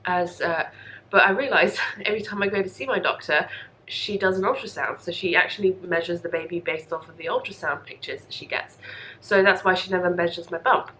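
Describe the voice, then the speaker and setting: Stuffed up and coughy from a cold that won't go away, a young podcast host chats and rambles from her home craft room, apologetic and self-deprecating. She speaks a bit fast in a lowish, pushed, bright voice, on a low-quality recording with a little hiss or hum.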